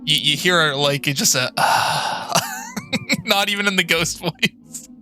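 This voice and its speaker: Giggly game master, lively and bright. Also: mid-range voice, slow pace, faint music behind. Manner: giggly, amused. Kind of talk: improvised tabletop game narration.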